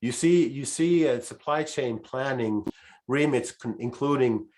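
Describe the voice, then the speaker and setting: A man's voice: medium pitch, measured pace, darkish tone. A man from Finland with a Finnish accent, giving a business presentation with frequent restarts and fillers. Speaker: conference speaker.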